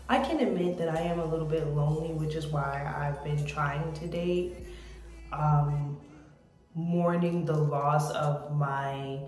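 An American woman in her thirties talking candidly and reflectively to camera in a casual confessional vlog, pausing as she goes and sometimes swearing. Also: deep voice, a little mellow. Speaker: vlogger. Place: small indoor room. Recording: echoey room with music behind.

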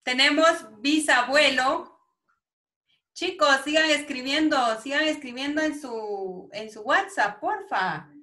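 A woman teacher with a Guatemalan Spanish accent, running an online class for young pupils, calling them affectionate names and reading words out slowly. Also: high voice, bright, forceful tone. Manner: affectionate, calls pupils "mi amor". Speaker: primary school teacher.

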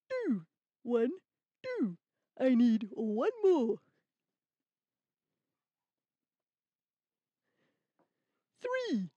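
A woman's voice: high voice, mellow, no echo, full character voice. A woman voicing a cheerful, earnest young male rabbit in a children's puppet story, speaking in simple, careful sentences. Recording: slightly dull lo-fi sound.

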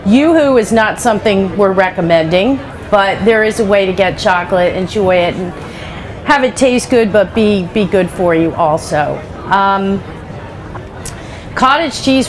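A middle-aged woman chef giving a live cooking demonstration on a trade show stage, talking in a chatty, practical way with lots of asides. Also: medium pitch. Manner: chatty, practical, many "you know" asides. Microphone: headset.

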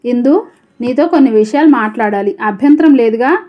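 A woman voicing a young husband who speaks in a measured, firm, reasoning way. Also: on the high side, lively intonation, lightly acted. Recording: dull lo-fi audio.

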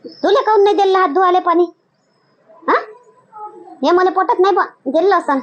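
A woman's voice: very high voice, normal speed, muffled recording. A woman with a Varhadi Marathi accent playing a protective village mother who scolds and insists in a rural comedy skit. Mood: firm. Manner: scolding, insistent, repeats points. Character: village mother, firm and protective of her daughter.

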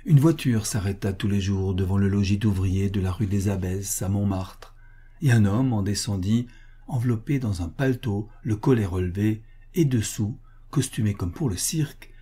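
A man narrates a short story in a measured, expressive way, drawing out the important phrases. His voice is low and mellow, with a husky, breathy edge. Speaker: volunteer audiobook reader.

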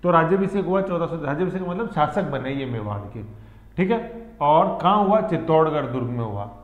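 A man with a fairly high, animated voice and slightly fast pace teaches an exam-prep history lesson, playfully teasing his students as he quizzes them. The room is echoey and the sound somewhat dull.

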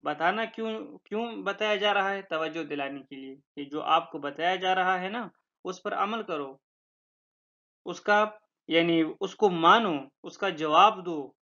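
A man teaching a religious text, explaining it point by point with pauses and fillers, reciting Arabic lines slowly before translating them. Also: sits high, sharp tone, muffled recording. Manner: explains step by step with fillers and repetitions. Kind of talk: classroom lecture explaining a text.

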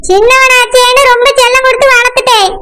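A woman's voice: extremely high pitch, fairly even intonation, fast talker, bright, forceful tone. A woman as a bossy, worried village mother. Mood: commanding. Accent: Kanyakumari Tamil. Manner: commanding, scolding. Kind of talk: village skit acting.

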